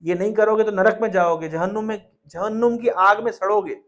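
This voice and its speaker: A male preacher with a notably high voice delivers a devotional storytelling sermon, speaking emphatically, repeating key phrases and asking his listeners rhetorical questions. His intonation is fairly even and his pace a little fast.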